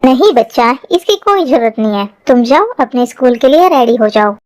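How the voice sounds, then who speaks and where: A woman's voice: fairly high pitch, animated, moderate pace, a little mellow, dry recording, voice pushed down, natural voice. A woman voicing a caring mother in a Hindi fan-dub drama, talking in a soothing motherly manner. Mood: gentle. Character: caring mother of a teenage girl.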